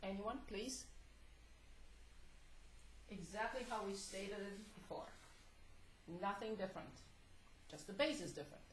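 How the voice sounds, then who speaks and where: A woman teaching a math class, hoarse and coughing, asking the class questions at a slow pace. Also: mid-range voice, lively intonation. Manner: slow, deliberate, prompting questions. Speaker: math instructor. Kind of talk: classroom lecture. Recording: echoey classroom, faint noise.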